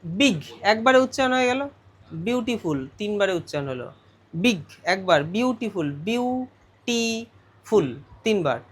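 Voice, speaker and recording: A man's voice: high-pitched, expressive, normal speed, fairly bright tone, husky. A male teacher going through a grammar lesson step by step, often putting questions to his students. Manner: explains step by step, asks the class questions.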